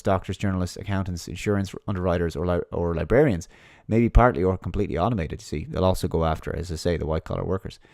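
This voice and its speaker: A man's voice: sits low, a little mellow, dry recording, clean studio sound. A man giving a monologue commentary, reading out an article and mocking his opponents in sarcastic put-on voices.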